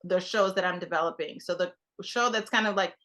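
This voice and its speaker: A woman's voice: fairly low pitch, steady tone, fairly quick, fairly bright tone. A young woman from Trinidad, a television producer talking casually as a guest, full of fillers and restarts. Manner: rambling, many fillers and restarts. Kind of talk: casual conversation.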